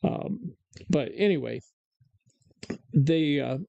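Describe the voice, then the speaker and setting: A man's voice: fairly high pitch, expressive, slow pace, gravelly, mellow, no echo, muffled recording. A man hosting a live-streamed talk show, chatting casually and ranting sarcastically with plenty of fillers. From United States. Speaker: podcast host.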